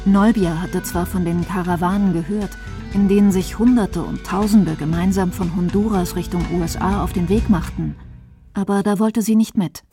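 A woman narrating a documentary report in a calm, measured way. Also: lowish voice, over music.

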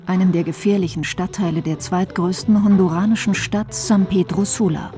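Calm woman narrating a radio documentary. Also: medium pitch.

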